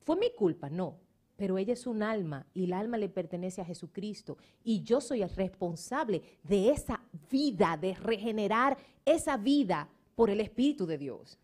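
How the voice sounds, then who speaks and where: Speaking at a normal speed in a mid-range voice, this middle-aged female pastor delivers a sermon. Her storytelling is lively and emphatic, sprinkled with English words.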